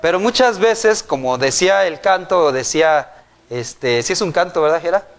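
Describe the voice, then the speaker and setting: A man's voice: a little high, animated, normal speed, soft background music. Mexican man preaching a conversational sermon. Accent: Mexican Spanish. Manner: conversational, asks the congregation frequent rhetorical questions. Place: church.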